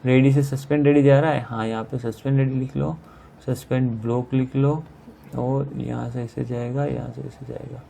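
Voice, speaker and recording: A man giving an online exam-prep lesson, asking questions and answering them himself, reading English items out slowly. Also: mid-range voice, little pitch movement, creaky, mellow, slight background noise. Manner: explains step by step, asks and answers own questions; reads English questions slowly, explains in Hindi. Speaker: teacher.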